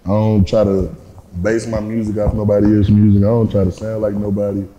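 In a casual interview, a rapper guest with a deep, dark voice talks briskly and flatly about his life, keeping things laid-back and slangy. The audio is dull, echoey from the room, with a little hiss or hum.

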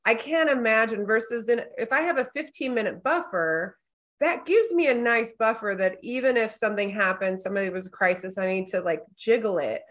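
A woman's voice: a little high, a little fast, fairly bright tone. Candid woman podcast coach. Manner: candid, emphatic, conversational. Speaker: podcast co-host and business coach.

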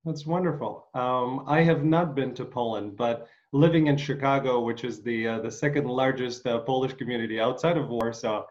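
A man's voice: mid-range voice, darkish tone. Host guy from ukraine, earnest, lots of ums, kinda muffled call audio. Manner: earnest, halting, many fillers. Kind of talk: interview hosting. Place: home. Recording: slightly muffled.

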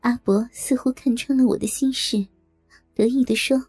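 Breathy, trembling woman narrator. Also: a little high, steady tone, normal speed, a little mellow, no room sound, soft background music. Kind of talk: first-person dramatized audio story.

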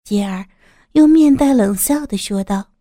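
A woman calmly narrating a crime story as a storyteller, in an even reading voice. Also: mid-range voice, a little slow, no room sound, clean studio sound.

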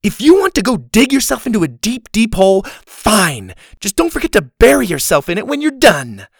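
A man's voice: high voice, huge pitch swings, normal speed, vocal fry, no room sound, studio quality, pitched above the performer's own voice, full character voice. A man voicing a snooty, dramatic teenage girl who talks down to the boys in an audiobook. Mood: furious. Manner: indignant and theatrical.

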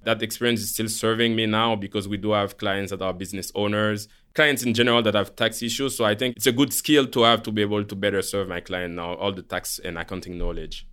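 In a conversational interview about his career, a portfolio manager and podcast co-host from Haiti explains things in his Haitian French accent, being a native speaker of Creole and French. His voice is fairly low, fairly even and fairly quick, with few pauses and a clean, slightly bright tone.

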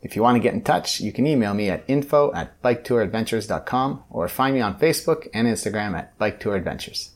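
A man hosting an interview podcast, reading a scripted intro and then asking relaxed questions. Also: on the low side, fairly quick, few pauses. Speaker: podcast host.

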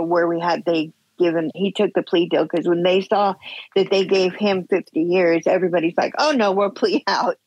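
A middle-aged woman with a lowish, darkish, slightly rough voice shares her own story as a podcast guest. She's blunt and candid, acting out scenes with quoted dialogue. The lo-fi audio sounds dull, with no room sound.

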